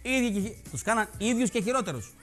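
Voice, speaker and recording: A male TV host talks with a slightly higher-than-usual voice, delivering biting, sarcastic commentary. He rants in a lively, mocking way from a studio, with faint music under him. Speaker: TV show host. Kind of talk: satirical political commentary. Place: television studio.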